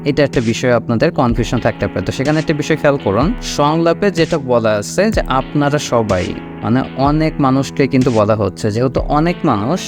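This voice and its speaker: A man teaching English, patiently explaining and repeating words slowly for pronunciation. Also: medium pitch, animated. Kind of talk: spoken language lesson. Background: background music.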